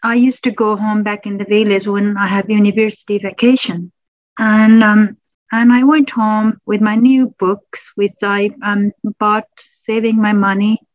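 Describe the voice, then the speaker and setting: A Nepali woman who lectures in public health shares her personal story in an interview, speaking reflectively with pauses and restarts. Her mid-range voice holds a steady tone, and the audio is narrow and tinny with no echo.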